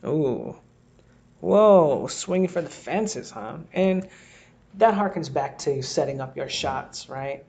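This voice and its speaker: A man's voice: on the high side, animated, takes it slowly, gravelly, a little mellow, breathy edge. A man giving a casual, think-aloud breakdown of boxing footage, reacting to each replay as he scores the round. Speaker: boxing analyst. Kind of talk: casual fight breakdown commentary.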